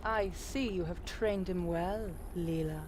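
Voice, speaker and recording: An actress playing a proud, unhinged villainess in a video game, delivering threats with slow, theatrical menace. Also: female voice, on the low side. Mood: mocking menace. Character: menacing villainous woman, proud, unhinged, believes herself a goddess. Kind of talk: dramatic video game voice acting. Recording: loud ambient noise behind voice.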